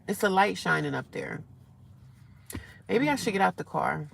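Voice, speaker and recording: A woman's voice: lowish voice, expressive, normal speed, vocal fry. A woman chatting casually with viewers on a live stream from a parked car, repeating herself and reading comments aloud. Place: parked car beside a highway. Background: faint traffic noise.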